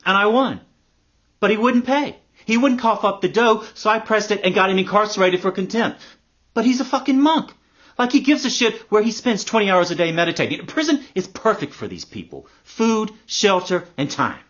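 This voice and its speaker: A man's voice: high voice, wildly swooping pitch, moderate pace, hardly any pauses, muffled recording, full character voice. An actor playing an embittered, vindictive middle-aged man in a sardonic, profane monologue. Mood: ranting, bitter. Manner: sardonic and profane, hushed storytelling turning to loud ranting. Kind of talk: acted dramatic monologue.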